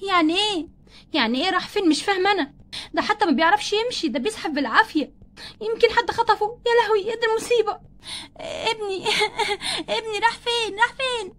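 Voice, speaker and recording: A woman's voice: very high-pitched, expressive, racing, a bit bright. A woman with an Egyptian accent voicing an anxious young mother who frets over her missing baby in a doll play story. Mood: panicked. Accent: Egyptian Arabic. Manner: worried, pleading.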